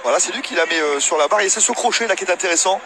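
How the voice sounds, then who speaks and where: High-voiced male football analyst. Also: animated, racing. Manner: explanatory, repeats points for emphasis. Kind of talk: live match analysis over replays. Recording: loud stadium crowd noise behind. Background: football crowd.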